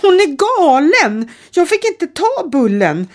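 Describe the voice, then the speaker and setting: A woman reading aloud, voicing a scared but brave young girl in an audiobook story. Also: sing-song. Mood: frightened. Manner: high, pleading, urgent.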